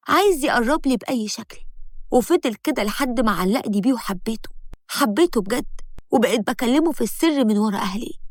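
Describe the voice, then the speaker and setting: A woman with an Egyptian accent narrating a first-person story in a brisk, dramatic way. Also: on the high side, no echo. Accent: Egyptian Arabic.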